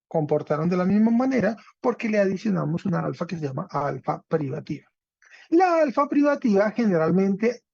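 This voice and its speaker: A man's voice: high-pitched, darkish tone, dry recording. A man teaching a Greek class online, explaining step by step and often checking in with his students. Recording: dull, dry lo-fi audio.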